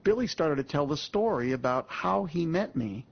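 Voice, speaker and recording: Gravelly older man telling a story. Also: fairly high pitch, animated, normal speed. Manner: folksy and emphatic, addresses the audience directly. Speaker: guest speaker. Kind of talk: storytelling talk to an audience. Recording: muffled lo-fi audio.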